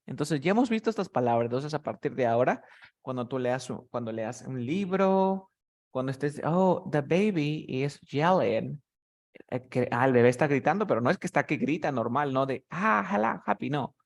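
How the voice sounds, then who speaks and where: A man's voice: mid-range voice, animated, fairly quick. A man teaching English vocabulary in a tutoring session, explaining words patiently step by step.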